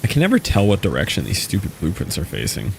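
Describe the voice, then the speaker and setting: Gravelly, laid-back young male streamer. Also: low-pitched, wildly swooping pitch, quick pace, slight background noise. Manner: rambling, laid-back, many "like" and "you know" fillers. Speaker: game streamer. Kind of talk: casual live-stream commentary while playing.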